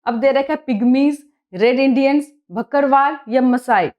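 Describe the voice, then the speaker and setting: A woman teacher with a Hindi accent, reading quiz questions slowly in English and explaining the answers in Hindi. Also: sits high, dull audio. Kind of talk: exam prep lesson.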